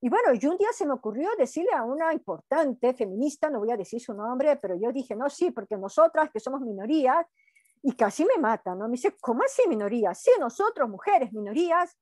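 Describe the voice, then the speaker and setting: Very animated and fairly quick, a woman with a high, darkish voice gives a conversational online university lecture, frequently asking "¿no?" to keep students with her. She is Peruvian, of Quechua heritage, and lives in Brazil. Although she's on a video call, the sound is clean and studio-like, with no echo.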